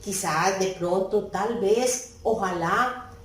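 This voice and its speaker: A woman teacher giving a grammar lesson, speaking deliberately and repeating key words for emphasis. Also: medium pitch, far from the mic, a little hiss or hum. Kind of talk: recorded grammar lesson for pupils. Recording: very echoey room, voice off-mic.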